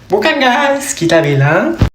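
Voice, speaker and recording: A content creator teaches everyday Japanese phrases in short comedic clips, acting each one out with playful exaggeration. Her voice is fairly high and very animated, though her pace stays measured. There's a little background noise.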